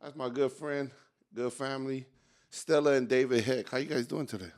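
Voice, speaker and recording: Upbeat guy hosting a podcast, jokey, mid voice, giving shout-outs. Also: medium pitch, steady tone, normal speed. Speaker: podcast host. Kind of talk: casual interview chat.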